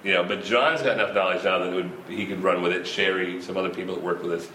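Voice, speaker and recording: A man's voice: low voice, fairly even intonation, fast, bright, forceful tone. Rambling, laughing man in his fifties. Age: 50s. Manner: rambling, laughs often, frequent restarts. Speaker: festival organizer. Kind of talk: casual interview chat. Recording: roomy echo with faint ambient noise.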